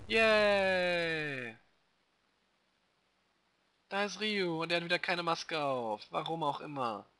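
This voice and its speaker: A man's voice: on the high side, lively intonation, normal speed, sharp tone. A man playing a video game and commenting on it, sarcastic and mocking. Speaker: let's player. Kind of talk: gameplay commentary. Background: game music.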